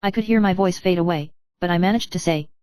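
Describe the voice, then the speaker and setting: A woman narrating a first-person story in a steady, measured reading style. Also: lowish voice, no room sound.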